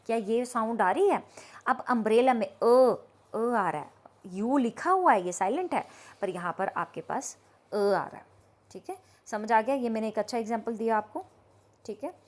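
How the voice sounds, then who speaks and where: A woman teacher, explaining grammar slowly and often checking that her students understand. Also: on the high side. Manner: explains slowly, asks the class if they understood. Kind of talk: grammar lesson.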